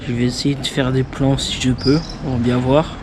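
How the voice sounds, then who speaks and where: Halting man, video diary. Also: medium pitch, flat delivery, background noise. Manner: halting, many restarts and fillers. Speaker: vlogger.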